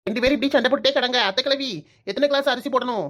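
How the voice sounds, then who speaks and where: A woman's voice: high voice, rapid-fire, fairly bright tone. A woman playing a cheeky mocking daughter-in-law. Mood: teasing. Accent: Kanyakumari Tamil. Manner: teasing, mocking, brash. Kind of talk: comic cartoon voice acting.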